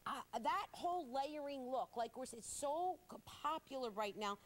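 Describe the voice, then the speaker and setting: A woman's voice: sits high, expressive, moderate pace. An American woman co-hosting live home shopping, chatty and gushing, repeating words for emphasis. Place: TV studio set. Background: music.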